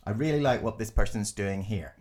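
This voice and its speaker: Guy on a podcast, lowish voice, tells stories, does little voices, swears and laughs a lot. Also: brisk. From Glasgow, Scotland. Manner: animated, acts out quotes, laughs often, swears. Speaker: podcast co-host and design teacher. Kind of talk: casual storytelling chat.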